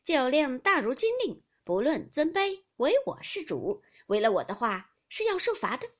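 A lively young maid who takes charge of a drinking game, bossy in a playful way, as a woman reads her part. Her lines come a little higher and louder than the narration, bright in pitch and swinging widely. A husky edge stays on the voice. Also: moderate pace. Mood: playfully stern. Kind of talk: audiobook character reading.

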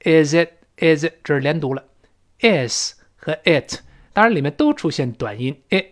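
A man teaching English to Chinese learners in a lively spoken-English lesson, often acting out little scenes in a raised voice. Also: on the high side, moderate pace.

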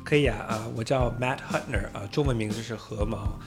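A man's voice: on the low side, brisk, over music. A man from the United States, a native English speaker with an American accent, chatting as a podcast guest. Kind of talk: casual interview talk.

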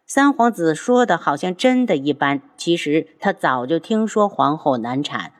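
A woman giving scripted, expressive narration of a novel. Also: sits low, moderate pace, no echo, studio quality. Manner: expressive storytelling. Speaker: audiobook narrator.

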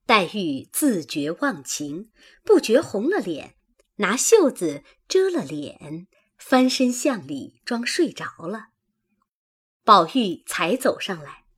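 A woman narrating a classical novel in a measured, expressive way. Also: on the high side, breathy edge. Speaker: audiobook narrator.

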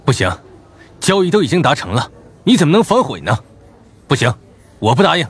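A man's voice: fairly high pitch, very animated, fairly quick, breathy edge, voice pushed up. A man doing a coaxing, stubborn young man. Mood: indignant. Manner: coaxing, then indignant. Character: smooth-talking young man, pleading and stubborn. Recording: faint music behind.

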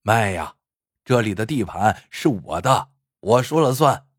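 A man's voice: fairly low pitch, animated, unhurried, husky, dry recording, clean studio sound. A man voicing a jovial, kindly middle-aged male school principal who talks in a hearty, reassuring way. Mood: genial.

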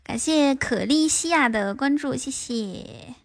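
A woman with a high, light voice hosts a casual livestream, talking with her viewers in a playful, coaxing way. Music plays behind her the whole time. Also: slow pace. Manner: chatty, coaxing, playful, frequent laughter. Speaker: livestream host.

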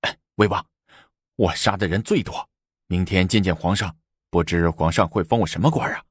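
A man's voice: deep voice, moderate pace, breathy edge, no echo, clean studio sound. A man voicing a greedy, fawning male officer who wheedles for a promotion. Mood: wheedling.

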